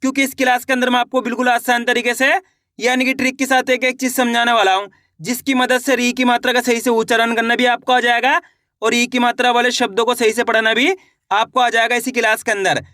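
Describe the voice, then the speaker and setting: A man's voice: very high-pitched, flat delivery, fairly quick, pushed and bright, no echo, clean studio sound. A man teaching a Hindi reading lesson to his viewers, asking questions and answering them himself.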